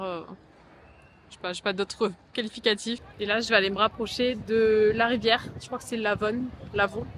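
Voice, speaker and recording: A woman's voice: on the high side, noisy background. A woman casually chatting through a travel vlog while walking around a city, filming on a handheld phone, easygoing, with many fillers. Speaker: travel vlogger. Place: outdoors in a city, partly on a bus.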